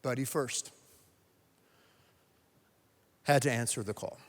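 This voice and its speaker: A man from North Carolina preaches a sermon in a steady mid-range voice. He leans on repetition and drops into pauses to let key words land. The sound carries the long, lingering reverb of a church sanctuary. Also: medium pitch. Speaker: pastor.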